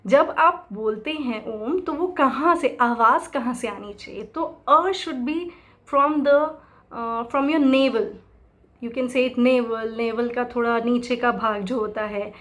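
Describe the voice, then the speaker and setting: A woman teaching how to chant, explaining slowly, patiently and with repetition. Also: a little high, fairly bright tone. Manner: slow, explanatory, fond of repeating herself. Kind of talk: spoken instruction mixing Hindi and English.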